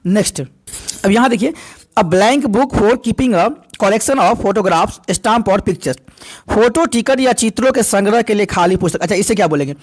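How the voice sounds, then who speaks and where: A man's voice: high-pitched, expressive. Guy teaching a vocab class, keeps asking and answering his own questions. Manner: repetitive call-and-response questioning, slow over English definitions. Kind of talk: online exam-prep vocabulary class.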